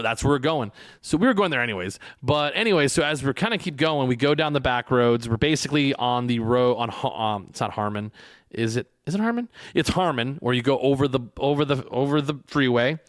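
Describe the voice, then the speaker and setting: A man hosting a casual podcast, telling stories in a rambling, excitable way with lots of restarts. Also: medium pitch, no room sound, clean studio sound. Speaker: podcast host.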